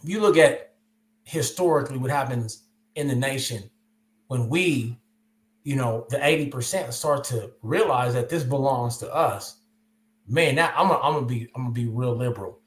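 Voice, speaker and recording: A man's voice: medium pitch, moderate pace. A man with a Californian accent, chatting casually on a music podcast, telling stories in a laid-back way with plenty of slang. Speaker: co-host. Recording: roomy echo.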